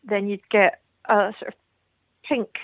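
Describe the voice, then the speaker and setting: Calling in to a radio show, a woman with a mid-range voice speaks slowly in a steady tone. The dry recording comes through a tinny phone line as she chats casually and explains things in a long, rambling way.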